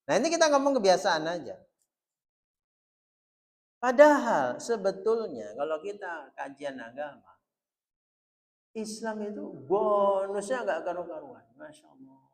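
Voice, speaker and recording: A male mosque teacher talks in a loose, chatty way, dropping words into his lesson. His pitch swings widely. The sound carries a long reverb from the mosque hall. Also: a little slow, pauses often. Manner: chatty, mixing in Javanese, lively swings in pitch. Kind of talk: religious study talk.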